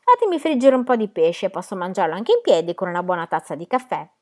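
A woman's voice: mid-range voice, very animated, quick pace, darkish tone, natural voice. A woman reading a novel aloud, voicing a tipsy, pushy diner patron. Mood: insistent.

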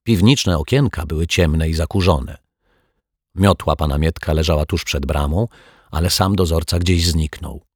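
A man narrating a children's audiobook in a calm, even storytelling manner on a close mic. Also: extremely low pitch, moderate pace, husky, no room sound. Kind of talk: scripted narration.

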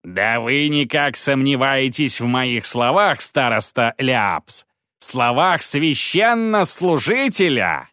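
A male narrator voicing a gaunt fanatical priest who preaches in a slow, drawn-out tirade in an audiobook. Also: mid-range voice, animated, pushed and bright, dry recording, studio quality, pitched above the performer's own voice. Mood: ranting. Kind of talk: audiobook character voice.

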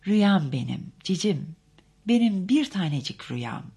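A woman's voice: lowish voice, big pitch swings, measured pace, mellow, husky, voice pushed up, full character voice. A woman voicing a flighty rich young mother who coos and fusses, in an audiobook. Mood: cooing. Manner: cooing, affected.

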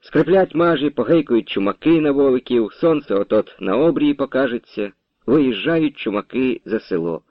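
A man narrating a literary novel in an expressive storytelling manner. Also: medium pitch, normal speed, no echo, dull audio. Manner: lively, storytelling, varied intonation. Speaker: audiobook narrator.

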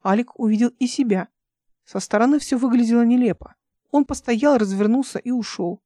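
A woman reads her own space novel in a steady, even narrating voice. The sound is dry and close. Her pitch sits a little high. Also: brisk, no echo. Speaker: author reading her own audiobook. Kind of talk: scripted audiobook narration. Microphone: home microphone, close.

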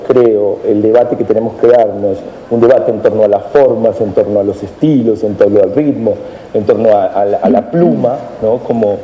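A man's voice: lowish voice, mellow. A man with an Argentine accent, a lecturer thinking aloud on a panel in a discursive way, often adding tag questions. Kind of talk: reflective panel talk. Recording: echoey hall with faint noise.

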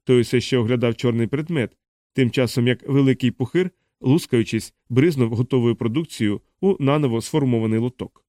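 A man reading a novel aloud as an audiobook narrator, at a measured pace. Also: mid-range voice, warm tone, no room sound, clean studio sound. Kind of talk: scripted narration.

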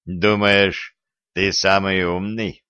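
A stern warrior priest speaks in a gruff, commanding way, as a male narrator voices him. It sits low and unhurried, in a dull, dry storybook recording. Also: little pitch movement, sharp tone, dry recording, exaggerated voice. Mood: wry.

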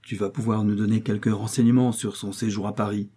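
A man's voice: fairly low pitch, flat delivery, brisk, dark tone, husky. A man doing a trusting old marquis, kindly and naive. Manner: kindly, earnest. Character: older trusting male marquis, fatherly and naive.

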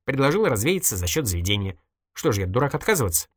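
A reader voicing a wisecracking evasive journalist. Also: male voice, medium pitch, big pitch swings, quick pace, breathy edge, no echo. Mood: wry. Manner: dodging, mock-innocent, ironic. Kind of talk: audiobook character voice.

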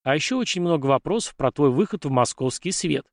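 A man voicing a patient middle-aged gentleman uncle who explains things carefully, in a storybook reading. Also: a little high, lively intonation, brisk, no echo, clean studio sound. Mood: explaining.

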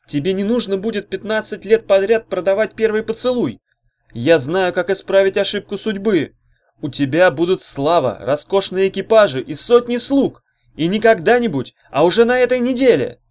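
Slick showy con man working a crowd, as a male reader puts him on; loud, high, swooping pitch. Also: animated, normal speed. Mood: grandiose. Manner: loud, rising, theatrical pitch. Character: slick wheedling male swindler, showy persuader.

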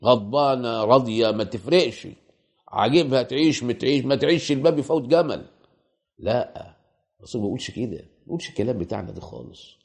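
Fast-talking gravelly Egyptian preacher. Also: male voice, medium pitch, expressive. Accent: Egyptian Arabic. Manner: rhetorical questions and emphatic repetition. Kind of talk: colloquial religious lecture.

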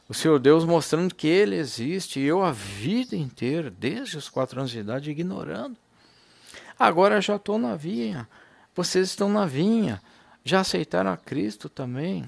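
A man preaching an informal sermon, impassioned, swinging from loud to hushed, calling his listeners brothers and laughing between points. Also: fairly high pitch, creaky, no echo.

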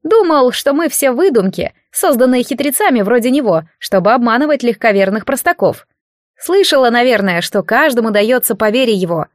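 A mischievous little god in a boy's shape, put on by a woman reader, raising the voice high above her own and talking in a petulant, teasing rush. It sounds knowing and older than its size. The recording is close and completely dry. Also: expressive, no echo, natural voice. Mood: mocking. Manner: petulant, teasing, quick, grown-up under a child's voice. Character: cheeky shape-shifting child god, boyish, grumpy. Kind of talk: audiobook character voice.

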